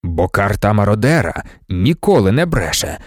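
A man voicing a calm, earnest middle-aged male teacher who speaks low and steady. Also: moderate pace, no room sound, studio quality.

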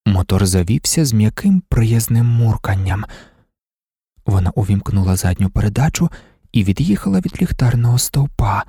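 A man reading an audiobook in a measured, quiet first-person storytelling manner. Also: on the low side, breathy edge, no room sound, studio quality. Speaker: narrator. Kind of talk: audiobook narration.

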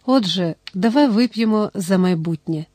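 A woman's voice: mid-range voice, normal speed, darkish tone, no room sound, clean studio sound, close to an everyday voice. A woman reading the lines of a male political candidate, speaking in an oratorical way to a crowd. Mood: warm.

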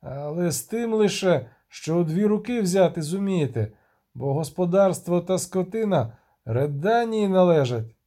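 A man's voice: high voice, lively intonation, measured pace, dark tone. A man reading as a cold army commander. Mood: commanding. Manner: proclaiming, authoritative. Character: stern male military commander, commanding and cold.

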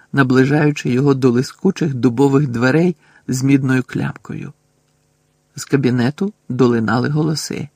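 Male audiobook narrator, steady storytelling, gravelly, dry close sound. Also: a little high, no room sound. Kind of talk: scripted narration.

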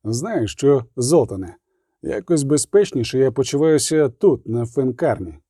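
A man voicing a calm, terse male monster hunter in an audiobook, speaking slowly and flatly. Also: medium pitch, dry recording, clean studio sound. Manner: terse, level, unhurried. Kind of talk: audiobook character voice.

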